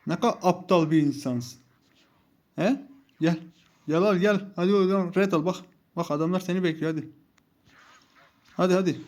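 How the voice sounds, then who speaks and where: A man's voice: high voice, darkish tone. Heated young man commentating a mobile game. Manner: heated, scolding and mocking teammates. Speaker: gaming YouTuber.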